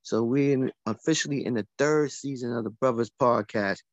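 A man hosting a podcast, announcing milestones and thanking guests in a brisk casual way. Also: mid-range voice, no echo, muffled recording. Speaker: podcast host.

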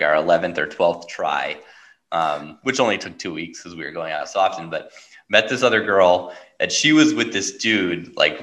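A man's voice: low-pitched, bright, forceful tone. A man hosting a podcast, telling a story in a loose, rambling way with lots of fillers and easy laughter. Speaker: podcast host. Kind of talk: casual storytelling chat.

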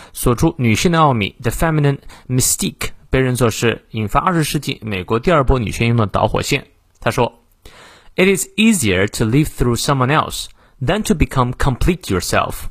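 A man hosting a morning English reading lesson, speaking English. He breaks a sentence down word by word and slows down for the English parts. His mid-pitched voice is dry and close to the mic. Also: no echo. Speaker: English teacher, host of a morning reading show.

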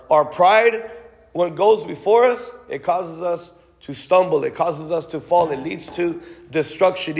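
This is a sermon with spoken prayer from a man whose voice sits on the high side and has vocal fry. He talks casually and conversationally, often starting over and adding "God" and "Lord" tags. The long reverb of a large hall fills the recording.

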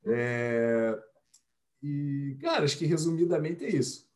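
A man's voice: a little high, unhurried. Chatty Curitiba businessman in his forties. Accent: Curitiba Brazilian Portuguese. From Curitiba, Brazil. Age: 40s. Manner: relaxed, friendly, chatty with fillers like "cara". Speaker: podcast guest, business executive. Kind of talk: casual podcast chat.

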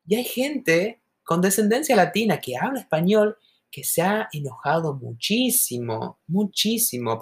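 A woman from Argentina with a softened Argentine accent, co-hosting a podcast and talking earnestly and at length in casual conversation. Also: on the low side. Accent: Argentine Spanish, softened toward neutral. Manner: earnest, reflective, talks at length. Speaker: podcast co-host.

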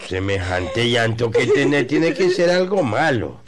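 A man's voice: mid-range voice, lively intonation, measured pace, lightly acted. A man playing a stingy, grumbling old rancher in a radio comedy sketch, drawling and exasperated. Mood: anxious.

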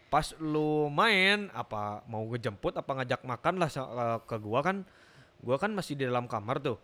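Animated man with strong Sundanese accent. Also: mid-range voice, normal speed. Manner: animated storyteller, many nods of agreement. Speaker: podcast co-host. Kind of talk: casual chat.

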